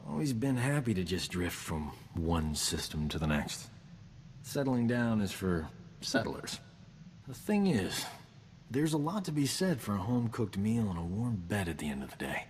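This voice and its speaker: A cocky, self-important space doctor who brags and wisecracks through every line. The voice sits a little low. A long reverb and faint hiss hang behind him, as in game dialogue. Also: male voice, big pitch swings, normal speed. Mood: wry. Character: boastful roguish male doctor, vain and flippant. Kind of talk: video game character dialogue.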